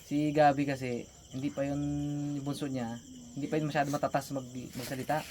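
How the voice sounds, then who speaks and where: A man, telling stories in an animated, casual chat and laughing often. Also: mid-range voice, a little fast, noisy background.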